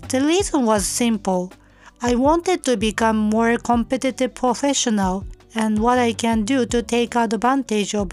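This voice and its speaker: Japanese woman host, slightly high voice, careful scripted read, soft music bed. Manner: careful, measured reading in non-native English. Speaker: podcast host. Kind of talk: scripted solo podcast narration.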